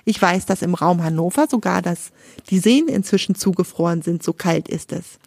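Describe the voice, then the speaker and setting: A woman's voice: on the low side, normal speed, creaky, darkish tone, dry recording. Friendly woman reading a children's story. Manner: friendly, addressing the child directly. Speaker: children's podcast host and storyteller.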